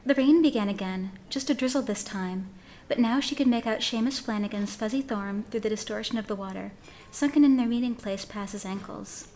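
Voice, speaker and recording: A woman's voice: mid-range voice, a little fast, hardly any pauses, warm tone, a little hiss or hum. Woman reading a story aloud. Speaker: story reader.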